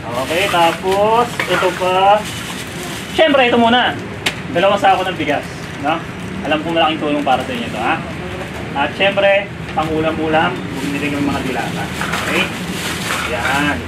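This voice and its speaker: A man's voice: fairly high pitch, moderate pace. A man chatting casually as he hands out food aid, coaxing and repeating little tag questions. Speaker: vlogger handing out food aid. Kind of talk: casual on-location vlog. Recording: far from the mic, loud street noise.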